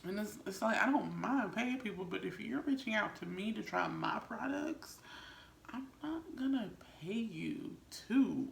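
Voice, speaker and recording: A woman with a gravelly, fry-laden voice talks casually to her viewers as a mukbang vlogger. Her delivery rambles conversationally, and the room rings with noticeable echo over faint background noise. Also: mid-range voice, lively intonation, a little slow. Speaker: vlogger and small business owner.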